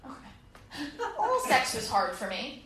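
Stand-up comic, woman, 30s, high bright voice, very echoey club room. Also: unhurried, far from the mic. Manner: animated, acts out characters in quotes. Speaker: stand-up comedian. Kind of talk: stand-up comedy set. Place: comedy club stage. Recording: very echoey room, faint crowd noise.

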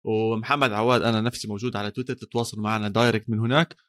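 Male sports podcast co-host, Levantine Arabic accent, very rapid delivery, casual bantering style. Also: fairly low pitch, fairly even intonation, a bit bright.

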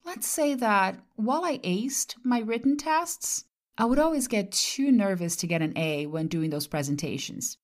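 This is a mid-range, expressive female voice belonging to a podcast host from Brazil, a native Portuguese speaker. She offers a personal monologue that is calm, measured and reflective.

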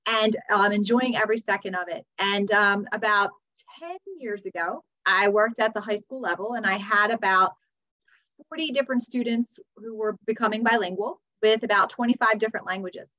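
American female podcast guest, forties, medium pitch, conversational storyteller, slightly dull recording. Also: moderate pace, bright, forceful tone. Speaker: podcast guest, teacher and author.

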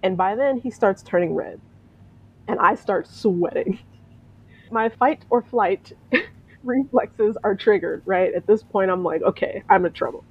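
Woman storyteller, lively, acts out quotes; breathy tone, dull recording. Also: mid-range voice. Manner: animated, acts out quoted voices, laughs often. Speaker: storyteller, veterinary technician. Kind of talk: casual spoken storytelling.

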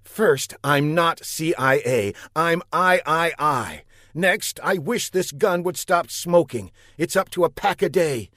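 A man's voice: fairly high pitch, big pitch swings, unhurried, dry recording, studio quality, voice pushed up. A man voicing a bossy, sarcastic female secret agent with a raised voice and a curt, scornful manner.

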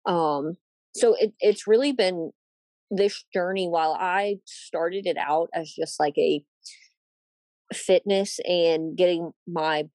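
A reflective woman sharing her progress in a relaxed talk, pausing and restarting her sentences often. Her voice sits on the low side and sounds dry and close, with no room around it. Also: no echo. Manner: reflective, halting, frequent "um" and repeated starts. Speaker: coaching client and guest host. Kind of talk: casual chat.

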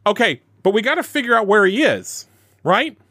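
Naive bear, male performer, high and very animated, childlike phrasing, improvised cartoonish role-play, dry recording. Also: moderate pace, no room sound, heavily acted. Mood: hesitant. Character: naive, hesitant man-eating cartoonish bear.

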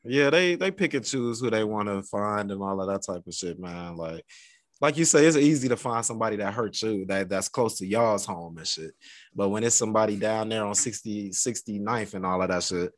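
A man's voice: fairly low pitch, moderate pace, no echo. Dry-sounding man in casual podcast chat. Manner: slangy, conversational. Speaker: podcast co-host.

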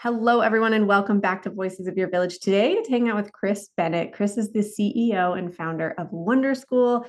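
A woman's voice: medium pitch, fairly quick, hardly any pauses, a little mellow. A woman in her thirties hosting a podcast, upbeat and chatty in casual interview talk. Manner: upbeat, chatty, says y'all and rad. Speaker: podcast host.

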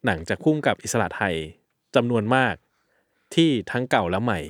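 A man hosting a film podcast and interviewing his guest, quick and friendly, backing him with short listening sounds. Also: medium pitch, animated, no echo, clean studio sound.

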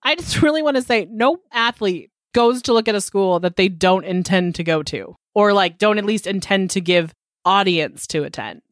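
A woman's voice: mid-range voice, moderate pace, no echo, clean studio sound. A woman podcast co-host with a nasal voice, stuffed up from a cold, chatting casually and telling stories with plenty of swearing. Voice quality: nasal, congested. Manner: sweary, animated storytelling with frequent chuckles. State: getting over a cold. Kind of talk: casual chat.

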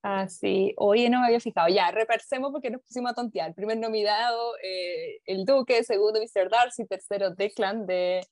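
A woman's voice: mid-range voice, normal speed, few pauses, a little mellow, dry recording. Chatty chilean woman co-hosting, dry sound. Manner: chatty, giggly, playful. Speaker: podcast co-host. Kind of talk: casual chat.

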